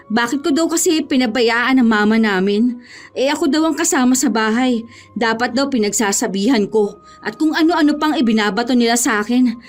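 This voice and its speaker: A woman's voice: fairly high pitch, natural voice. A young woman playing an anxious, debt-burdened young woman in a horror audio drama who often stammers from nerves. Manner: worried, stammers when nervous.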